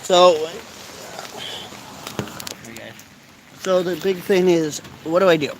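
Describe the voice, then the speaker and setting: A man's voice: high voice, expressive, slow. Laid-back stoned man rambling outdoors in rain. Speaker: vlogger. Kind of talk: casual rambling chat to camera. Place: outdoors in rainy, cold weather. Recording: faint rain noise outdoors. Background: light rain.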